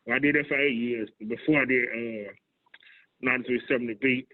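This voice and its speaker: A man's voice: medium pitch, fairly even intonation, fairly quick. A man in his forties, a radio DJ chatting on a video call, his voice hollow and muffled as if he were talking into a trash can. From Houston, Texas. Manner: laid-back, rambling, many fillers and restarts. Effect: hollow, muffled sound as if talking into a trash can. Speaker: radio DJ and record promoter. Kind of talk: casual panel chat on a video call. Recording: tinny phone-like call audio.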